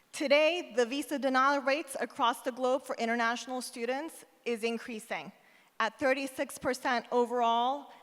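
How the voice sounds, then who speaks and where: A woman's voice: a little high, a bit bright. Earnest woman asking from the floor. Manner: earnest, direct, purposeful. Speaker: audience questioner. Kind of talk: prepared question from the floor. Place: large conference hall. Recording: reverberant conference hall.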